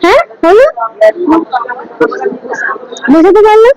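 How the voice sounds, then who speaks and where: Teaching the Gita, a woman with a very high voice takes her class slowly through scripture pronunciation, patiently working on every syllable and asking the students to echo her. Her intonation is lively and her tone a little mellow, captured on a rough recording.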